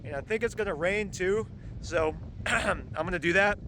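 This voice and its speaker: A male car parts reviewer with a somewhat high voice rambles through a casual product review vlog outdoors, halting with frequent ums and uhs. Gusting wind rumbles loudly on the mic, and the audio is poor.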